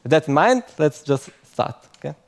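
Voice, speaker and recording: Presenting at a conference before a live audience, a young man talks in English, which is not his native language, at a moderate pace. His gravelly voice sits on the high side with big pitch swings. He's chatty and pokes fun at himself, frequently ending points with "okay?".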